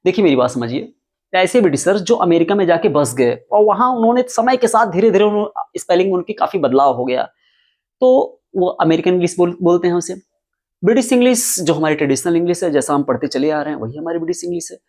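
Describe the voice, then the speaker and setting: A man teaching English at a whiteboard who explains step by step, spells words out letter by letter and repeats them slowly. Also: high voice, lively intonation, a little mellow. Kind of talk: whiteboard lesson. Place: classroom with whiteboard.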